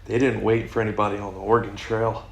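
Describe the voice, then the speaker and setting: Gravelly young man with a cough. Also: on the low side, little pitch movement, quick pace, slight background noise. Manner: dry, rambling jokes, crude. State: coughing, recovering. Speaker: podcast co-host. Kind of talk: casual banter. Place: unheated home garage. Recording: echoey garage recording.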